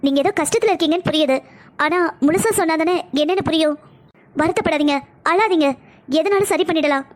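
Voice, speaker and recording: A woman voicing a busy female doctor in a cartoon, talking in a brisk, commanding but reassuring way. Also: extremely high pitch. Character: calm, firm female doctor, a busy pediatrician. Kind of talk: cartoon voice acting.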